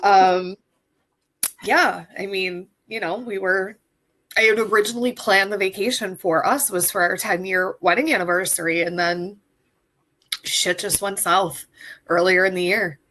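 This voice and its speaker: A woman in her thirties, a coaching client, telling her story in a chatty, animated way with lots of fillers. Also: medium pitch, measured pace. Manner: chatty, animated storyteller, squeals when quoting herself. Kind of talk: casual storytelling interview.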